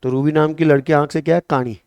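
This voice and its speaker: Lively teacher drilling memory tricks. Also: male voice, on the high side, fast talker, clean tone, dry recording. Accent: Marwari-tinged Hindi. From Rajasthan, India. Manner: lively, repeats questions to students and answers them. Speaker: exam coaching teacher. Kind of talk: classroom lecture with memory tricks.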